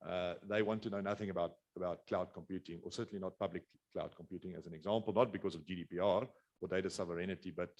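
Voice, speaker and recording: Talking fast in a low, darkish voice with fairly even intonation, a middle-aged South African man presents a business webinar. He rambles and keeps restarting, using plenty of fillers, and the sound is lo-fi.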